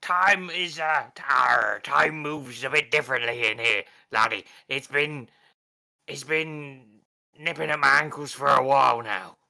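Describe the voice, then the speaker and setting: A man's voice: a little slow, vocal fry, exaggerated voice. A man voicing a panicked male pirate spirit trapped inside a gem, barking "arr" between his words. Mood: uneasy. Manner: shouts "arr" in a frantic, high pirate bark.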